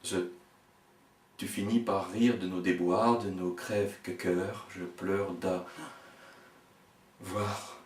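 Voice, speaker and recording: A man performing experimental spoken-word poetry in a fragmented delivery, stammering and repeating words, swinging between hushed murmurs and sharp outbursts. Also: low voice, level tone, slow pace, long pauses. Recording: echoey room, voice far from the mic.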